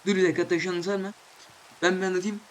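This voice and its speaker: A young man with a notably high voice talks over his gameplay, getting more and more exasperated as he grumbles and swears casually. He keeps chatting to the animals in the game, and a soft patter of rain runs behind him. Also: level tone, rapid-fire. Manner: swears casually, exclaims loudly. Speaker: gaming channel host. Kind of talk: Minecraft let's play commentary.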